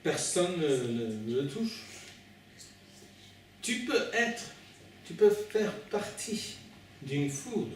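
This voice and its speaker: A male preacher with a foreign accent in French speaks from some way off in a very reverberant room. His delivery is slow and halting, with hesitations and repeated words, as he gives an informal, pastoral sermon straight to his listeners. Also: high-pitched, big pitch swings. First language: not French. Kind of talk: informal sermon at an evening meeting. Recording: very echoey room, distant mic, faint noise.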